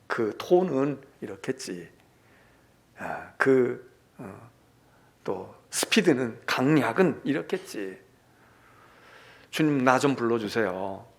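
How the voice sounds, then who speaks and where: A middle-aged man preaching a Sunday sermon as senior pastor, swinging between hushed whispers and raised, emphatic calls, and acting out quoted lines. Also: mid-range voice, expressive, slow, creaky, long pauses. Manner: acts out quoted lines in character.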